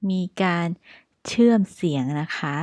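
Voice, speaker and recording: Thai-accented woman, English teacher; unhurried, careful reading of phrases, dry sound. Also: darkish tone, no room sound. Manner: reads example sentences very slowly and clearly, twice. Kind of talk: slow English lesson with Thai explanations.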